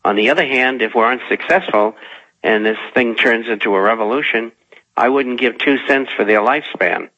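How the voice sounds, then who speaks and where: An older man from Massachusetts giving political commentary as a talk radio guest, halting and grave, with a raspy voice. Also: mid-range voice, sharp tone, low-quality recording. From Massachusetts, United States.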